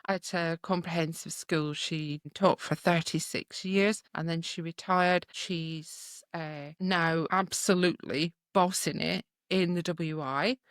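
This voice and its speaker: A woman's voice: fairly low pitch, slow, few pauses, dry recording, clean studio sound. Laughing, chatty middle-aged woman host. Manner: chatty, laughs often, animated. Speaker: podcast co-host. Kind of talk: casual chat.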